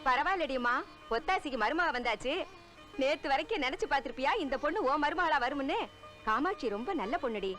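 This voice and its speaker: Brief: older mother-in-law, high-pitched, fond and blessing. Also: animated, fairly quick, a bit bright, soft background music. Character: warm, doting mother-in-law.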